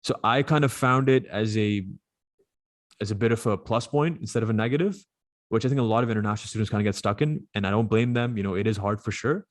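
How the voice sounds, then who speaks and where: A young man from Dubai talks fast and casually as a guest, stringing thoughts together with lots of fillers. His voice sits fairly low. The sound is dry, with no room around it. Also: no echo. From Dubai, UAE. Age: 20s. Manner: rapid, chatty, frequent fillers. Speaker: podcast guest. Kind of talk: casual interview conversation.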